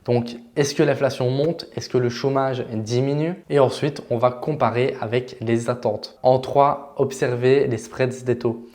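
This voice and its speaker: Un homme, formateur en trading, qui explique des notions de façon détendue et familière, avec des « euh » et des « bah ». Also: male voice, mid-range voice, unhurried, few pauses. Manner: relaxed, chatty explaining with filler words. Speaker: trading educator. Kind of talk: casual explanatory lesson.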